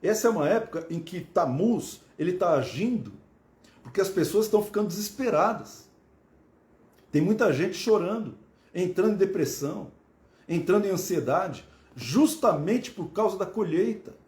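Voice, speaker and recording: A man's voice: sits high, animated, moderate pace, darkish tone, echoey room. A man preaching a sermon, asking his listeners questions and repeating phrases for emphasis.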